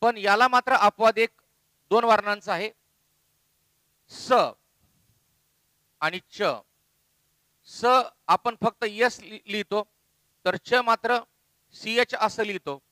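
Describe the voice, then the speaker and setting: A man teaching a grammar lesson, explaining step by step and repeating letters slowly. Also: high voice, bright, forceful tone, no room sound, poor audio.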